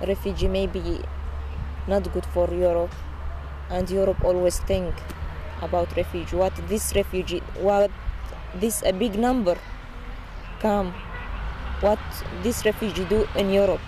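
Earnest Syrian woman in halting English. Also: fairly low pitch, steady tone, warm tone. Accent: Syrian Arabic. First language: Arabic. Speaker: refugee interviewee. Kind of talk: casual interview. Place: refugee camp outdoors. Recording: noisy outdoor field recording.

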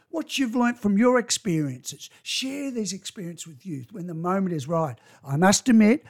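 A man's voice: high voice, darkish tone. A man giving an informal talk to parents, chatty and self-correcting, with frequent asides. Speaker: parent educator giving career advice.

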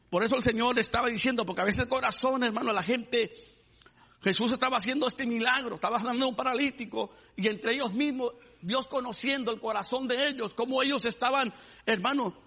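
A man's voice: extremely high pitch, bright, forceful tone, husky. A man preaching a sermon, calling his listeners "brother" and asking them to praise the Lord. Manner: repeats "hermano" and asks the congregation to praise the Lord. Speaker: pastor.

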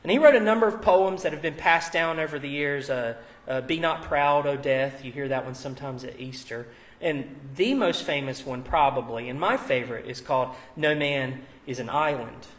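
Preaching at a live church service, a man with a slightly high voice talks at an ordinary speed. His sermon is conversational and explanatory, loose in manner and full of offhand asides.

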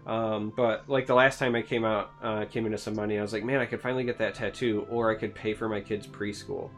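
A man's voice: lowish voice, fairly even intonation, fairly quick. A man from Michigan co-hosting a casual chat, wry and self-deprecating in his jokes. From Michigan, United States. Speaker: co-host.

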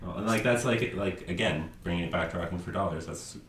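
Young male host, casual and rambling, deep voice; faint background noise. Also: fast. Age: 20s. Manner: rambling, laughs often. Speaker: podcast host. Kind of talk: casual interview chat. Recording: echoey room with faint noise.

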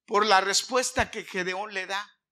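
A male pastor preaching a sermon to his congregation. He asks the listeners questions and swings from loud emphatic lines to quiet asides. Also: high-pitched, steady tone, unhurried. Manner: asks the congregation questions, sings snatches of a hymn.

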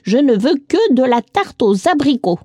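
A woman voicing a stubborn old lady who is grumpy and greedy for tart, her voice often rising very high and slowing into a drawl. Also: very animated, mellow, no room sound, studio quality, full character voice. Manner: squeals up high and drawls when delighted.

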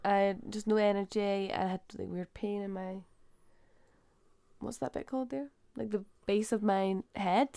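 A woman's voice: mid-range voice, steady tone, moderate pace, gravelly, warm tone, clear, resonant tone. A Scottish woman co-hosting a podcast in casual, informal chat. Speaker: podcast co-host.

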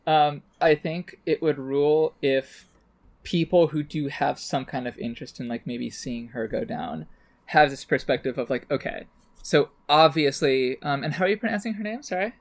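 A man's voice: on the high side, normal speed. Playful chatty podcast guy. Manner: enthusiastic, playful, rambling with fillers. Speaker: podcast co-host. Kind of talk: casual chat.

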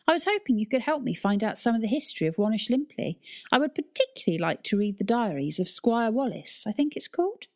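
A woman's voice: a little high, big pitch swings, quick pace, a little mellow, pitched above the performer's own voice. A woman voicing a polite, earnest young woman asking for help.

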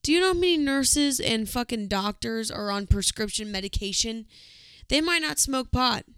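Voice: medium pitch, animated, normal speed, bright, forceful tone, clean tone, dry recording, studio quality. A podcast co-host telling a story in casual chat, blunt and swearing freely.

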